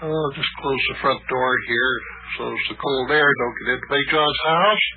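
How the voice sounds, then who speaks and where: A man's voice: mid-range voice, fairly even intonation, normal speed, phone-quality sound, background noise, lightly acted. A middle-aged man playing a kindly taxi driver and inventor in an old radio play, folksy and hesitant. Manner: folksy, hesitant, calls the boy lad. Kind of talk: 1950s radio acting.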